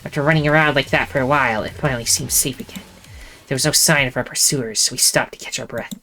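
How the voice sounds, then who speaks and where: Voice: medium pitch, fast talker, pushed and bright, soft background music, poor audio. A streamer narrating a visual novel in the first person, with casual asides in between. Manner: narrates in first person, breaks off to joke and laugh. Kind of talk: reading a visual novel aloud with commentary.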